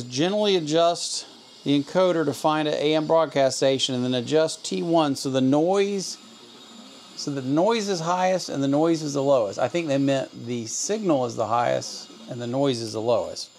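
This electronics hobby channel host has a slightly high, creaky voice with a darkish tone, speaking at a normal pace over a little hiss or hum. He explains through a laid-back hands-on demonstration, regularly raising questions and answering them himself.

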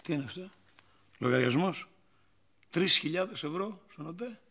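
A man's voice: on the high side, lively intonation, gravelly, exaggerated voice. An actor playing an exasperated father who scolds his son over a huge phone bill. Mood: scolding. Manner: scolding, shouting, chasing. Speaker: actor in a TV comedy series. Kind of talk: sitcom acting.

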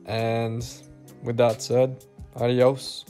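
A young Australian man giving a relaxed, self-deprecating voice-over walkthrough of his renovated house. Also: medium pitch, extremely slow. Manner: laid-back, self-deprecating. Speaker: home renovation vlogger. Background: soft guitar music.

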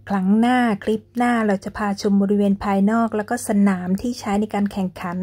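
A young woman serves as vlog host and tour guide in an indoor football stadium museum, narrating casually in a polite, chatty manner and using soft sentence-end particles often. Her voice is medium-pitched, steady and brisk, and her English has a Thai accent whenever she switches to it.

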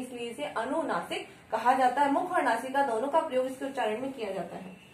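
A woman teaching a grammar lesson to students, asking questions and answering them herself and drawing out example words slowly. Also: sits high. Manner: stretches out example words to show how they are said. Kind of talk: classroom-style video lesson. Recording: echoey room, voice a bit distant from the mic.

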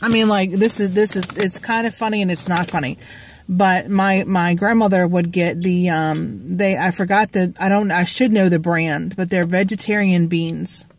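A woman's voice: fairly low pitch, fairly even intonation, moderate pace, a little hiss or hum. A woman, chatting in a rambling, joking way with lots of fillers, talking to her phone at arm's length in a parked car. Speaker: vlogger. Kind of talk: rambling casual vlog. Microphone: phone held at arm's length.

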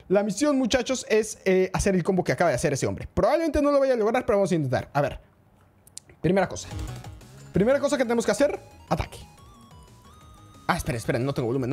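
Excitable man streaming, lively up-and-down pitch. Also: husky. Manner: excitable, chatty, greets the chat often. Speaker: gaming streamer. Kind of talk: live-streamed gameplay commentary.

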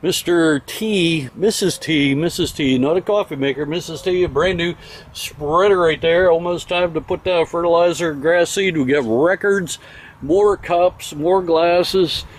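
Speaking at a measured pace in a voice on the high side, this auction house presenter strolls through an open-air auction yard. He rattles off items in short, folksy, off-the-cuff phrases into the handheld camera in his own hand, and outdoor ambient noise fills the background.

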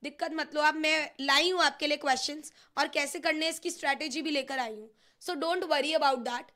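A woman's voice: high voice, normal speed, sharp tone. A young woman teacher, running a live online revision class in a chatty, teasing way and slipping phrases into her talk.

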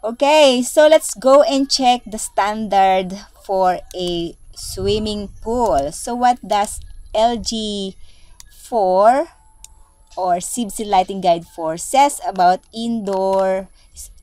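A woman's voice: medium pitch, a little mellow, no echo. A woman giving a casual screen-share tutorial as a lighting designer, chatting and thinking aloud as she browses her files.

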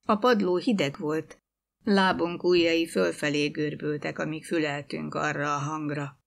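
A woman reading a literary short story aloud in a calm, measured narrating voice. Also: deep voice, vocal fry.

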